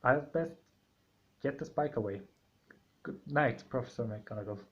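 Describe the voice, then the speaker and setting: A man voicing a big, shaggy, softhearted male giant who is tearful, stumbling over his words as he reads. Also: medium pitch, natural voice. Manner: halting reading with restarts. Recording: dull lo-fi recording.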